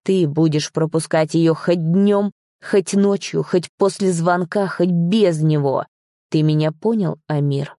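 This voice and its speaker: A woman voicing an angry, authoritarian father in an audiobook, lecturing in a slow, menacing way. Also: low-pitched, dark tone, no echo, clean studio sound. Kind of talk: audiobook character voice.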